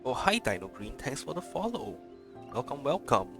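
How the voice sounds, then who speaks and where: Over video game music, a young adult man chats casually on a livestream while playing, animated and reacting to what happens in the game. He has a mid-range voice at normal speed.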